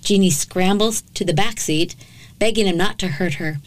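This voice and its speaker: A woman hosts a true crime podcast, telling a case dramatically but breaking off for blunt, sarcastic asides. Her voice is on the low side and her pace moderate, and the recording is rough.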